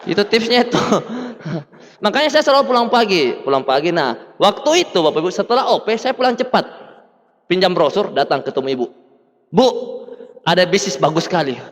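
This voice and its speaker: High-pitched animated man in a hall. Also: a little fast. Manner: animated storytelling, acts out dialogue, laughs often. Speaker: motivational speaker. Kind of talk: testimonial talk to an audience. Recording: reverberant hall.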